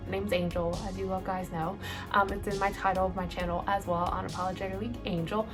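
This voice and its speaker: A beauty vlogger from El Salvador, a woman in her late twenties, chats casually through a get-ready-with-me Q&A, rambling with lots of ums and likes. Over music, she speaks quickly in a mid-range voice with flat delivery.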